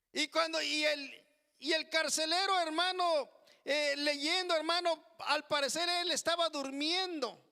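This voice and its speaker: A man with a very high, bright voice delivers a slow, deliberate sermon. He stretches his phrases and keeps calling out to his listeners as brothers. His voice rings with a long reverb in a church hall. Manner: slow, drawn-out preaching with frequent "hermano" asides. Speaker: preacher.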